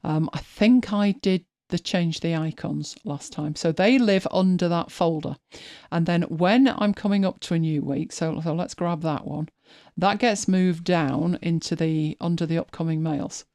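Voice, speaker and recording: A woman's voice: on the low side, unhurried, few pauses, darkish tone, no room sound, studio quality. A woman hosting a live stream, chatting casually as she walks viewers through her screen, thinking aloud and often restarting her sentences. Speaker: host.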